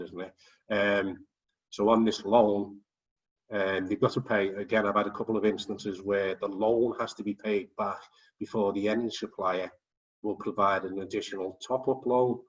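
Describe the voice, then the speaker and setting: A man with a low voice chairs an online forum over a video call. He talks in a loose, chatty way, full of ums and small jokes. He sits back from the mic, and the sound comes through muffled and dull. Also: steady tone, normal speed, recorded from a distance. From England. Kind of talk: online meeting chat.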